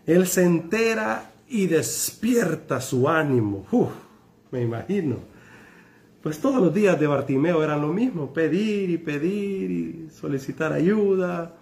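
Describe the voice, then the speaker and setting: Animated man preaching a sermon. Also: high voice. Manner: animated, frequent tag questions to listeners. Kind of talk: sermon to an online congregation.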